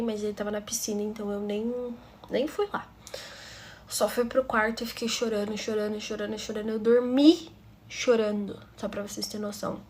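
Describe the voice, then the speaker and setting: A woman's voice: a little high, darkish tone, slight background noise. A woman with a Brazilian Portuguese accent narrating a personal story for her channel in a confiding, emotional way.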